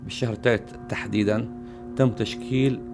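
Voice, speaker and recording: A man's voice: medium pitch, steady tone, fast talker, creaky, over music. A middle-aged man with a Syrian Arabic accent, a podcast guest earnestly recounting memories.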